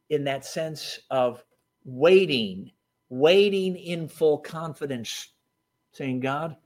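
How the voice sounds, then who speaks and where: A man preaching a sermon to a seated audience, animated, laughing often and swinging from quiet asides to shouted lines. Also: on the high side. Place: church or meeting hall with seated audience.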